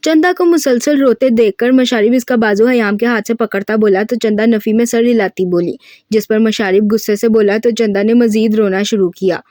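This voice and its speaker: A woman narrating a romance novel in a steady storytelling manner. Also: a little high, normal speed, dry recording. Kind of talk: scripted narration.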